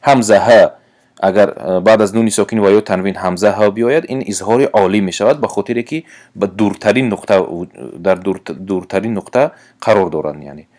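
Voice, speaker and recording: A man with a Tajik accent gives a recitation lesson in a lowish voice. He speaks patiently and haltingly, with frequent filler pauses. He sounds out each letter slowly for his students. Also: darkish tone. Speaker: Quran recitation teacher. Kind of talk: tajwid lesson.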